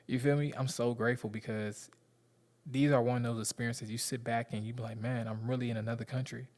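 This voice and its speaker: A man's voice: mid-range voice, little pitch movement, brisk, darkish tone. A man in his thirties with a Southern US accent, talking candidly and rambling to his viewers in slangy casual speech. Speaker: vlogger.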